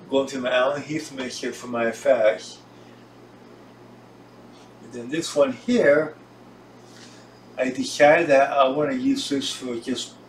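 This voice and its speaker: An older man, mid-range in voice, films a casual tour of his own gear in his indoor home recording room, talking haltingly in short pieces. The camera rests on a tripod some distance away, giving the recording a roomy echo and a hissy background.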